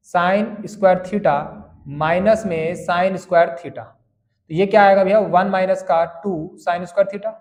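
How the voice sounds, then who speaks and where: A man's voice: sits high, a little mellow. A man teaching a board-exam maths lesson who keeps asking questions and answering them himself. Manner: asks and answers his own questions, calling students bhaiya and beta.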